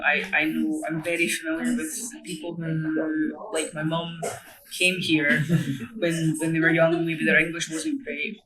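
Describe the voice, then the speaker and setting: A young woman with a Glaswegian accent, speaking thoughtfully with many pauses and restarts as a mentorship volunteer. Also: low voice, low-quality recording. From Glasgow, Scotland. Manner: reflective, hesitant with many ums and restarts. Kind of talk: casual interview answers.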